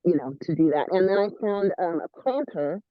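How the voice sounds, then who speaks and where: A man's voice: high voice, animated, dry recording. Casting: eager, rambling man on a muffled, dropping video call line, dry and dull sound. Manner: rambling, halting, full of restarts, eager. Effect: muffled, dropping video call stream. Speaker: fairy event organizer on a video call. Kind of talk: casual video call chat. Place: rural home.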